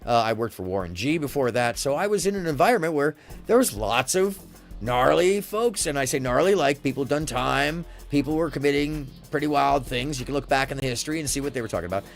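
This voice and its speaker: A middle-aged American man hosting a casual live stream, chatting in a halting, rambling way that often circles back. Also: medium pitch, expressive, creaky. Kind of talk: casual chat. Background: faint music.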